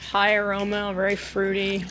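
A woman's voice: medium pitch, moderate pace. A woman guest in a casual, colloquial chat, peppering her sentences with filler words. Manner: colloquial, frequent 'like'. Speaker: podcast guest. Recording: clear steady background noise.

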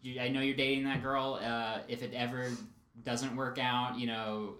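A man's voice: medium pitch, level tone, moderate pace, a bit bright, reverberant. A man hosting a podcast, telling a rambling, self-mocking story in casual chat. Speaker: podcast host.

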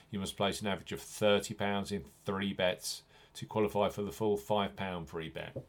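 A low-voiced man delivers a scripted betting promo as a podcast host. He reads like an announcer, punching the key phrases with clear emphasis.

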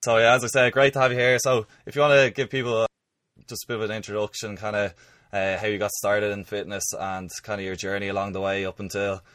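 A man's voice: lowish voice, level tone, fast, fairly bright tone, no room sound, studio quality. A man with an Irish accent hosting a podcast, introducing and chatting in plain conversational language. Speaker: podcast host.

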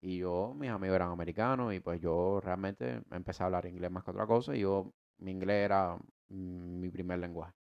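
His low, gravelly voice moves a little fast with hardly any pauses, the tone clean but the highs cut off. A US podcast co-host in his twenties with a Cuban Spanish accent, he casually rambles through his life story, restarting often and tossing in slangy asides.

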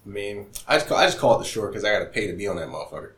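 Deep-voiced man in an echoey room. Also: racing. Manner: relaxed, rambling, lots of filler phrases. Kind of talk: casual chat.

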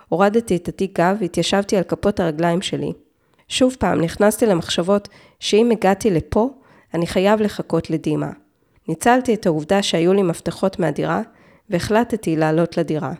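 A woman narrating a true-crime story, reading in a measured way with short, clipped phrases. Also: on the low side, darkish tone. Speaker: podcast narrator.

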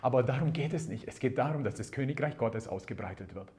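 A man's voice: medium pitch, animated, quick pace, mellow. A male preacher delivering a sermon with emphatic, repeated phrases. He punctuates his points with calls of hallelujah and amen.

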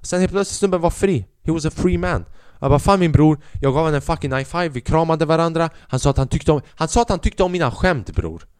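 A young man hosting his own podcast, telling a comedy club story in a profane, animated way and acting out other people's voices. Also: on the high side, clear, resonant tone, no room sound, studio quality. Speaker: podcast host and stand-up comedian.

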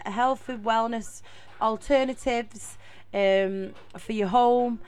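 This young host from Manchester, England speaks with a Mancunian accent, her pitch slightly high and her tone steady and a bit mellow. She takes her time, rambling casually through a solo episode of her own podcast with plenty of fillers and false starts.

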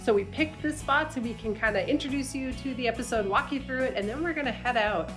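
A woman's voice: on the high side, quick pace, over music. A woman hosting a podcast, chatting casually and informally to her listeners. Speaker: podcast host. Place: quiet, slightly echoey rental townhome room.

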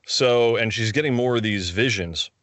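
A man's voice: medium pitch, normal speed, fairly bright tone, no echo. A man in casual conversation, retelling film scenes and acting out the characters' lines.

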